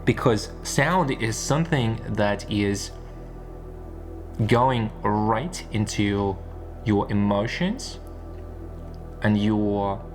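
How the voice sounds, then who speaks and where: A YouTube coach on business and spirituality talks in a fairly low voice with lively intonation, speaking extremely slowly and leaving long pauses over soft background music. His casual, explanatory monologue is emphatic and repetitive, hammering points home and often seeking agreement through tag questions.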